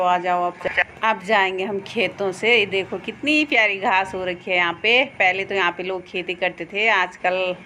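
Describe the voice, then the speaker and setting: A woman's voice: fairly low pitch, sharp tone, slight background noise. A young woman narrating a casual outdoor vlog into her phone, chatty and pointing things out as she walks by a mountain stream and fields. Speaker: vlogger.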